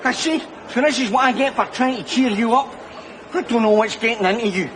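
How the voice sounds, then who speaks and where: A crude cheeky Glaswegian pal. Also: male voice, very high voice, a little fast, fairly bright tone, slight background noise, low-quality recording. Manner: leering, wisecracking, mock-consoling. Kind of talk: TV sitcom acting.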